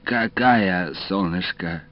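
A man voicing a gruff, mocking, warm-hearted old uncle in an audiobook, talking in slow sardonic banter. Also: low voice, no echo. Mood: gruff teasing. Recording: dull dry studio audio, faint music.

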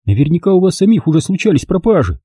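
A man's voice: high voice, sing-song, fast, warm tone, breathy edge, dry recording, clean studio sound, voice pushed up, full character voice. Man doing a tearful desperate maid. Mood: pleading. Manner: pleading, bitter. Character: desperate young housemaid woman, tearful.

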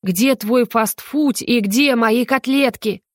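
Woman putting on a fussy older mom, syrupy and slow, kinda high, dry sound. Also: no room sound. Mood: reproachful. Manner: sugary, drawn-out, scolding. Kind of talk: audiobook character voice.

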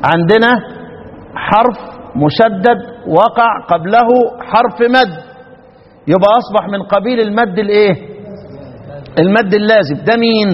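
A man's voice: high voice, moderate pace, long pauses. A man with an Egyptian accent teaching recitation to a class, quizzing students with questions and drawing out the recited words. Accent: Egyptian Arabic. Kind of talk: classroom lecture. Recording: dull lo-fi recording with long reverb.

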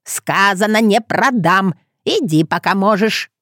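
A woman voicing a sly, hunched ancient village witch woman who talks in a slow, creaky, mocking way. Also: medium pitch, animated, fairly bright tone, dry recording, studio quality. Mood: scornful.

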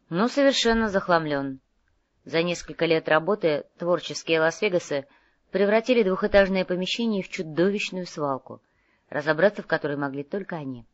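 Low-voiced woman narrating a story. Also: no room sound, muffled recording. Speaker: audiobook narrator. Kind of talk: scripted narration.

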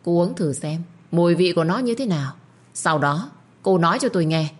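A woman's voice: lowish voice, expressive, a little fast. Woman doing a cold, commanding young master. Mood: mocking. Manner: clipped orders, mocking half-smile tone. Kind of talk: audio story character voice.

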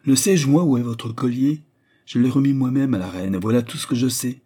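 A man's voice: on the low side, moderate pace, mellow, husky. A man voicing a haughty, indignant older cardinal-prince with an imperious, lofty manner. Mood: angry.

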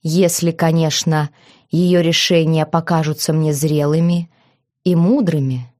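Woman playing a confident husband, lazy drawl, calm mockery, lowish voice. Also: dry recording, studio quality. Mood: teasing. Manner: lazy, unhurried, mocking calm. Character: lazy, teasing young husband, self-assured.

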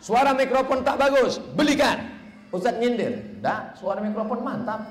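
High-voiced, animated male preacher in hall. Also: moderate pace. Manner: animated, mimics askers and rises to shouts. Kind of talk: lively sermon answering audience questions. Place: large hall with a live audience. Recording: roomy live hall with faint ambience.

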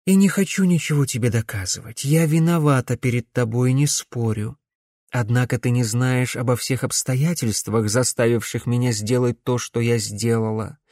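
A man reading an audiobook, voicing a stern middle-aged woman necromancer who speaks in a measured, insistent way. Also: medium pitch, darkish tone, dry recording, clean studio sound, lightly acted.

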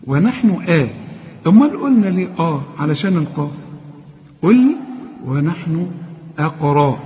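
A man with an Egyptian accent teaching Quran recitation one-on-one. He corrects his student, chides him mildly, and recites words slowly as models. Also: sits high. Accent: Egyptian Arabic. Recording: dull lo-fi recording with long reverb.

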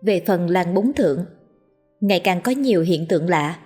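Breathy woman reading a ghost story, soft music behind. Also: fairly low pitch, expressive, moderate pace. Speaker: narrator. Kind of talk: scripted ghost story narration.

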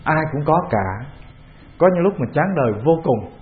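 A man with a Vietnamese accent, a Buddhist monk giving a calm, measured dharma talk, often putting questions to the assembly. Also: fairly high pitch. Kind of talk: sermon. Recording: tinny phone-like lo-fi recording.

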